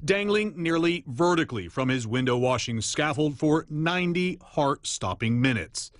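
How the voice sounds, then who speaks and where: A male reporter narrates a news package with a dramatic delivery, his pitch rising and falling a great deal. The voice-over sounds dry and close, with no room around it. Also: expressive, moderate pace, dry recording. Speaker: field reporter.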